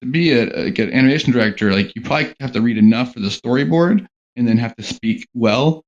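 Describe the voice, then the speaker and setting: On a podcast panel, a man of medium pitch talks quickly and casually about working in animation. He rambles, sprinkling in plenty of "like" and "um," over a dull lo-fi recording.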